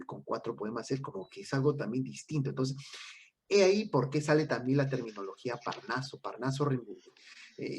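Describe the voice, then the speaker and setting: A man's voice: medium pitch, a little mellow. A man co-hosting a casual literary discussion, explaining ideas at length and often ending with tag questions. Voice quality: gravelly, very husky voice.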